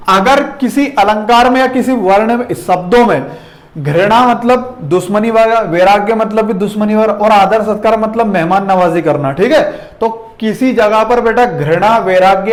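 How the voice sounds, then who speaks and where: A man with a high-pitched voice teaches a classroom lesson. He keeps firing questions at his students, calling them "beta", and answers them himself, with a steady "theek hai" between points. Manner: checks in with "theek hai" throughout.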